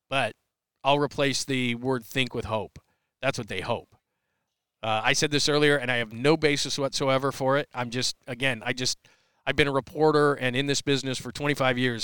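A man's voice: medium pitch, pushed and bright, smooth, no echo, clean studio sound. A middle-aged man hosting a sports talk show, chatting loosely and rambling with many restarts as he answers a listener's question. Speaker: sports radio host. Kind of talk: live podcast chat answering listener questions. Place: press area at a big sports event.

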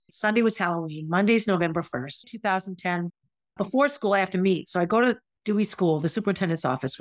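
A woman's voice: mid-range voice, no room sound. A middle-aged woman telling her own story in a candid, emotional and frustrated way, as a podcast host. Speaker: podcast host, former teacher. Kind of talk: personal storytelling monologue.

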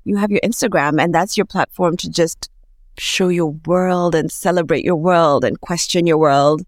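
A woman's voice: lowish voice, steady tone, normal speed, no room sound. Kenyan-accented woman, close dry sound. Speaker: interview guest, photographer. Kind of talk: reflective conversational interview.

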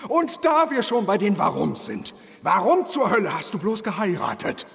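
Brief: a gravelly, high-pitched old miser for a musical audio play, scornful and curt, slow delivery over loud music. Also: male voice, huge pitch swings, exaggerated voice. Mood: curt, dismissive. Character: stingy grumpy old rich uncle, miserly businessman. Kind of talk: musical audio drama, sung and spoken.

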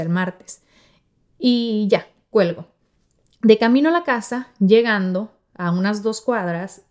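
A podcast host in her thirties, with a slightly high voice, tells a personal story in a casual, animated way. She acts out the voices of the people she quotes.

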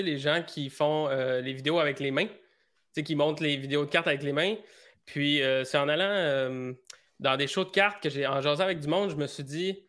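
A man with a Québécois accent, a podcast guest talking in a relaxed, hesitant way with plenty of fillers. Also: fairly high pitch. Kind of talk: casual interview chat.

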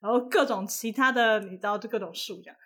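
A woman's voice: a little high, a bit bright. A woman co-hosting a casual podcast chat, trading teasing quips and telling about her weekend. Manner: teasing quips, quick joking replies. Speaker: podcast co-host.

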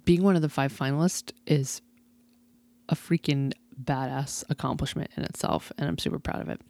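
Low-voiced, chatty woman podcast host. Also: fairly even intonation, moderate pace, gravelly, mellow. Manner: chatty and enthusiastic, laughs often. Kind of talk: casual podcast chat.

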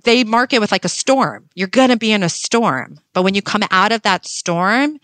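Upbeat, pragmatic woman with a low voice. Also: fairly bright tone, no room sound, clean studio sound. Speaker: guest. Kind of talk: podcast conversation.

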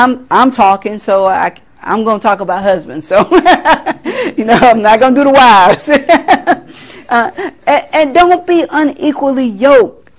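A middle-aged woman from South Carolina preaching a sermon, earnest, laughing at herself and acting out family conversations. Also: on the high side.

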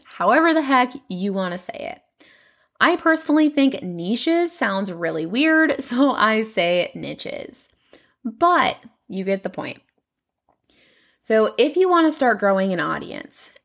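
A young woman hosting her own podcast, chatting in a casual, upbeat way with lots of "you know" fillers. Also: on the high side. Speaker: podcast host.

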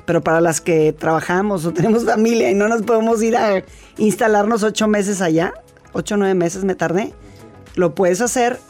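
A Mexican woman speaks as an interview guest in a chatty, storytelling way, often restarting her sentences mid-thought. Her voice sits at a middling pitch, with faint music underneath. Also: normal speed, a little mellow. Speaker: laughter therapy expert guest. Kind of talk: conversational interview.

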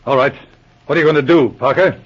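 An actor playing a cool, shrewd police inspector with clipped commands in a 1940s radio adventure serial. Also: male voice, mid-range voice, fast, breathy edge, close to an everyday voice. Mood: defiant, composed. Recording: muffled old radio recording.

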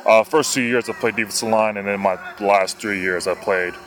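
Male athlete from New Zealand, low voice, laid-back interview guest. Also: moderate pace, a crowd in the background. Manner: relaxed, many fillers. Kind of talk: casual interview.

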